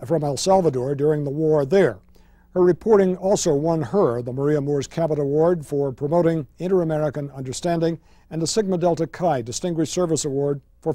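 A man hosting a televised panel discussion in a studio, making formal introductions and asking questions in a measured way. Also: fairly high pitch, dark tone, no room sound. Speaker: host, moderator. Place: TV studio with audience.

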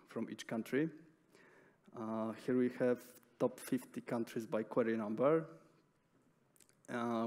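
Young male conference speaker, headset mic, hesitant but steady technical delivery. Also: mid-range voice, vocal fry. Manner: measured, with frequent hesitations and fillers. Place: conference stage in a large hall.

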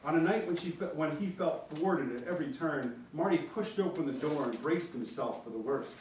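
A man's voice: a little high, darkish tone, slight background noise. Man reading fiction in an echoey room. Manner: measured, wry, chuckles at his own lines. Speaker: author reading his fiction. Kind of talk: literary reading. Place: college lecture room. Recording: very echoey room, mic far off.

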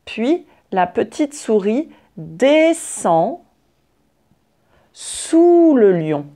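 A woman teaching French, telling a fable to learners in very clear, repetitive phrasing. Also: on the high side, sing-song, drawn-out words, mellow. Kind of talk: slow storytelling for learners.

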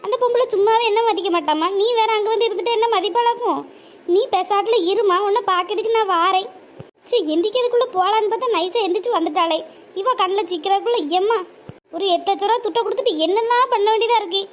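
A scheming daughter who scolds and nags in quick, sharp bursts, as a woman voices her. Her rides on a very high voice. Faint ambience hums underneath. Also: a little hiss or hum. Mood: scolding. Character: scheming impatient grown daughter. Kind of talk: cartoon voice acting.

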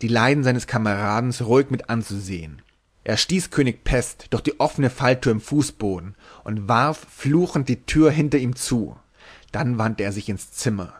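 Male audiobook narrator, measured. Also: mid-range voice. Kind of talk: scripted narration.

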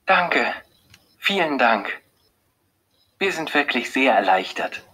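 A man reading an audiobook, voicing an anxious young wife who speaks softly and a little breathlessly, with a husky voice. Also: medium pitch, very animated, takes it slowly, voice pushed up, exaggerated voice. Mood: relieved. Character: anxious young wife, quiet and easily shaken. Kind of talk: audiobook character voice.

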